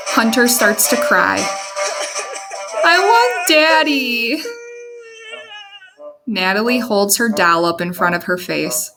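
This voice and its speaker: A woman's voice: mid-range voice, rough recording. Woman reading a picture book aloud. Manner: expressive, animated read-aloud. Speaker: storyteller. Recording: music under the reading.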